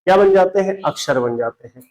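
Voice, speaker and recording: A man with a high voice teaches Hindi grammar in a lively online class. He keeps asking his students questions and answering them himself. He calls them brother and mixes English words into his Hindi. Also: fairly quick, rough recording. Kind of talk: classroom-style online lesson.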